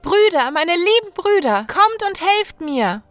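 A woman's voice: a little high, expressive, normal speed, creaky, fairly bright tone, no room sound, faint music behind, voice pushed up. A woman voicing a frightened young wife in mortal danger who pleads and cries out in panic. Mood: screaming desperately. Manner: flustered, pleading, crying out.

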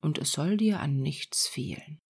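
A woman's voice: low voice, expressive, measured pace, a little mellow, husky, voice pushed down, exaggerated voice. A woman voicing seven small kindly male dwarfs in a whispered role-play, asking earnest questions.

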